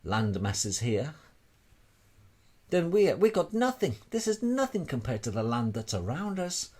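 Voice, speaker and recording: Here the amateur presenter sounds a little high and a little mellow, very animated but somewhat slow. He explains things informally and emphatically, repeating himself and asking rhetorical questions.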